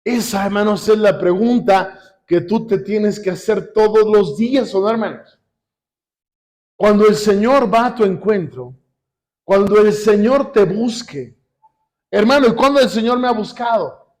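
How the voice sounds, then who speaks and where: A man preaching a sermon in church, repeatedly asking the congregation questions and reading scripture slowly. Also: sits high, darkish tone. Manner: addresses congregation constantly with rhetorical questions; reads scripture slowly and deliberately. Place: church service.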